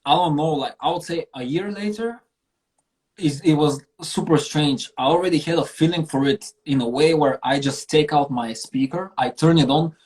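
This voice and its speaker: A Bulgarian man, a singer and street performer, appears as an interview guest and tells stories casually, earnest and emphatic, using slang and a bit of swearing. His voice is slightly high with a darkish tone at normal speed, and the audio quality is poor.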